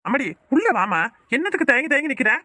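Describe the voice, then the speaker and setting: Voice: high-pitched, big pitch swings, quick pace, bright, forceful tone, no room sound, heavily acted. A performer voicing a peacemaking older father in a cartoon, speaking with a Kanyakumari Tamil accent. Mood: placating. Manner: pleading, placating. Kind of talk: cartoon voice acting.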